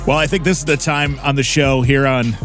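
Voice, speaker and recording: A man's voice: mid-range voice, steady tone, brisk, a bit bright, faint music behind. A man hosting a radio show, chatting casually with a guest and laughing easily. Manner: friendly, laughs easily, wraps up the segment. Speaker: radio host.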